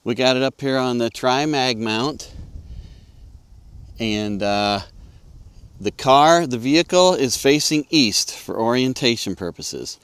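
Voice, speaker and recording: Speaking with a smooth, fairly bright mid-range voice, this middle-aged man from the United States is animated yet unhurried as he talks about ham radio for his video channel. The sound has no echo, and he's out in an open field, partly sitting in a parked car, chatting in a folksy, plain-spoken manner.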